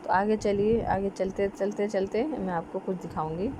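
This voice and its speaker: A woman's voice: medium pitch, fairly even intonation, moderate pace, background noise. A mother chatting straight to viewers as she films her children on an outing in an outdoor park, recorded on a handheld phone. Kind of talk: casual vlog narration.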